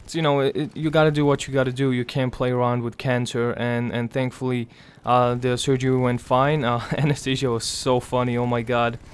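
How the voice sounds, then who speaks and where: Still recovering from throat surgery, this young gaming commentator speaks in a raspy, strained, weak voice at medium pitch. His casual gameplay remarks are quiet and flatly delivered, broken by frequent pauses.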